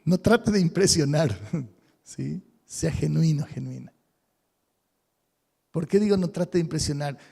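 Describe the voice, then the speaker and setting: Male pastor, sermon, animated, gravelly fry, long hall reverb. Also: on the high side, a little slow, pauses often. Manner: animated, acts out sample prayers, asks "¿sí?" often.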